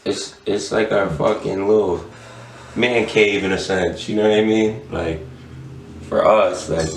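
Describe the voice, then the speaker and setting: A middle-aged tattoo shop owner chats casually as a podcast guest, speaking in a laid-back, slangy stoner drawl. His voice is low. The mic is distant, giving a roomy echo, with a little hiss or hum.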